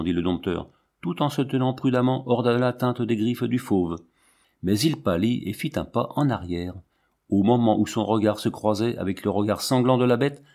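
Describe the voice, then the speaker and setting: A man reading a novel aloud as narrator, with a dramatic, expressive delivery. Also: medium pitch. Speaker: audiobook narrator. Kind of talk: scripted narration.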